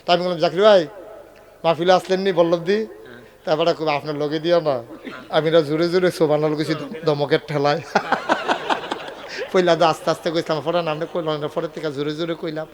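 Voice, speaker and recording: Man, preacher, fairly high voice, dramatic storytelling, near-shouted peaks, folksy humor. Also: fairly even intonation, moderate pace, pauses often, crowd noise. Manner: colloquial and humorous, drawing laughter. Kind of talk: Bengali waz sermon.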